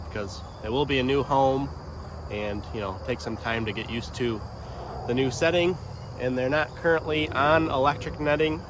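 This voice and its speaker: A farm vlogger with a head cold talks casually and hesitantly, with many ums, sounding stuffy and nasal. His voice is medium-pitched and fairly bright. He's outdoors in a windy pasture, recorded only on the camera's built-in mic rather than an external one.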